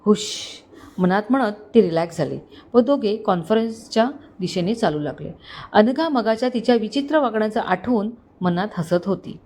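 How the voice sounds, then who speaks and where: Female storyteller, expressive dramatic narration, mid-pitched voice.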